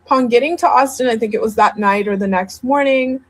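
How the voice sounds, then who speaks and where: A young woman speaking to camera in a personal video, halting and hesitant, with many ums and restarts. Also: fairly high pitch. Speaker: social media video poster.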